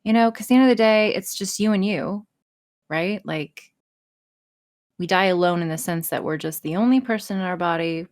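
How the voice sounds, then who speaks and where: A lowish, slightly mellow female voice moves at a moderate pace. The speaker, an audio roleplay artist appearing as a podcast guest, chats casually, bluntly and emphatically, cursing freely throughout.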